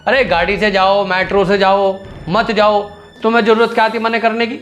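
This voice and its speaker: Man as a fairly high-voiced young husband, stern and lecturing, family comedy skit, faint music behind. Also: flat delivery, normal speed, a bit bright. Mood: scolding. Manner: scolding, lecturing, insistent. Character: young husband, stern and loyal to his elder brother. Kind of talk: scripted family comedy scene.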